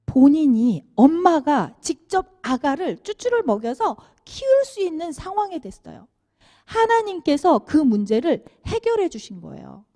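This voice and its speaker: A woman giving a children's sermon, animated and asking the kids questions as she tells the story. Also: high-pitched, a little slow. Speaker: children's minister.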